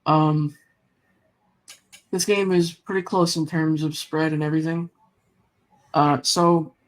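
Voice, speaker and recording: A man hosting a casual sports podcast, talking fast and rambling with lots of fillers. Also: on the high side. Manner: quick, rambling, with many fillers. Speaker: podcast host.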